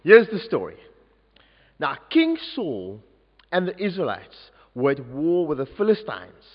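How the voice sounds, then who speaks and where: With a high, lively voice and a slow pace, a youth leader at a large church runs a children's story during the service and happily urges the congregation to participate. The audio is dull and lo-fi, drenched in long hall reverb.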